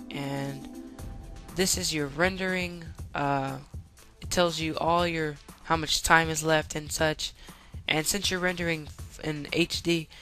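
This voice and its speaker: A man with a squeaky voice giving a casual, step-by-step software tutorial as its host. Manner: instructional, step-by-step. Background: background music.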